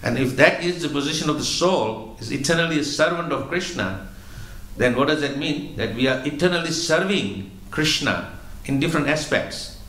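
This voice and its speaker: A man giving a religious lecture as a spiritual teacher, explaining slowly and patiently, often repeating words as he goes. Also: on the high side, animated, fairly bright tone, echoey room, low-quality recording.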